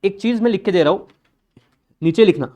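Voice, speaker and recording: A man's voice: high voice, fairly quick, dark tone. A man giving a classroom lecture, talking bluntly and informally, teasing his students as he works through steps. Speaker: accounting lecturer.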